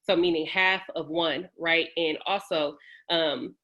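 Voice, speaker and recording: A woman from San Francisco speaks on a video call panel, her voice a little low. She talks in an earnest, personal, thoughtful way. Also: steady tone, takes it slowly, fairly bright tone.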